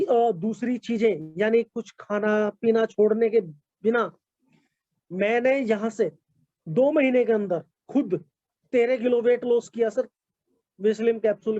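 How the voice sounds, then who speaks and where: A man's voice: very high-pitched, dark tone, dry recording. Man, testimonial speaker, polite and hesitant, dry close sound, dull lo-fi audio. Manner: polite, many fillers and repeated "sir". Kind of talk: online meeting talk.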